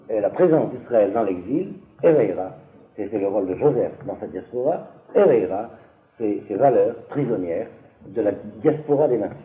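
Man lecturing with lively pitch, tinny recording. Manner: hesitant, restarts, asks if clear. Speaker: teacher. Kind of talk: lecture on biblical texts.

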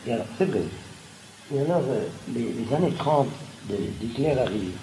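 A man giving a lively seminar lecture, pausing with frequent asides and restarts. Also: medium pitch. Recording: echoey room with background noise.

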